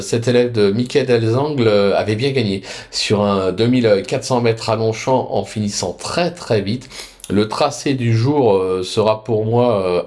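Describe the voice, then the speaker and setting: A man with a lowish, darkish voice presents his horse racing betting tips in a video. His delivery is upbeat and promotional, though he often drops hesitant fillers between phrases.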